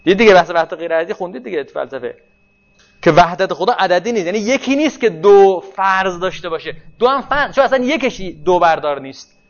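A man with a high voice gives a classroom lecture in a loose, conversational way, often stopping to ask if his students follow. The recording sounds dull and lo-fi. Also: expressive. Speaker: teacher.

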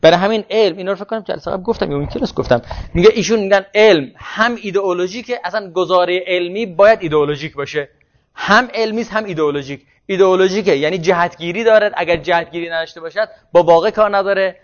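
A man's voice: high voice, highs cut off. A man giving a classroom lecture on social theory, thinking aloud and often restarting words mid-phrase.

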